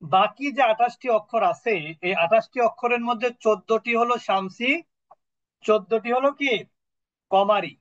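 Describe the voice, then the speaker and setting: A man leads an online Arabic lesson, pausing often to quiz his students. His voice sits high, and the call audio is dull and dry, with no room sound. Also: a bit bright, dry recording. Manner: patient, quizzes students with questions. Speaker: Arabic teacher. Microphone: video call.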